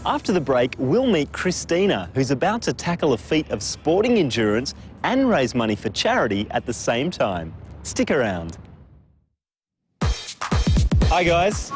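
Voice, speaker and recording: A man's voice: a little high, very animated, moderate pace, over music. A male TV presenter delivering links and asking passers-by questions, with an upbeat presenter's delivery. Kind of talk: presenter links and street vox pops.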